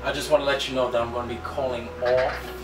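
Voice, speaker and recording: A man's voice: mid-range voice, flat delivery, quick pace. A young man making casual prank calls and bantering with friends. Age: young adult. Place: small living room. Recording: roomy, distant camera sound, music.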